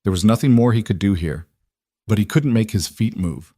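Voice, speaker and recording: A male narrator tells a dramatic story in a steady, measured manner. His voice sits on the low side, recorded close and dry with no room echo.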